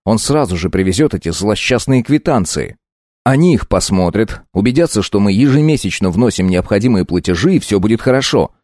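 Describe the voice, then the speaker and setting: A man narrating an audiobook in a steady, measured way. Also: lowish voice, dry recording, clean studio sound. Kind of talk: scripted narration.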